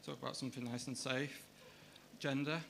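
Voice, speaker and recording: A man doing stand-up comedy on a comedy club stage, with a deadpan, hesitant delivery. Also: medium pitch, normal speed, gravelly, a little hiss or hum.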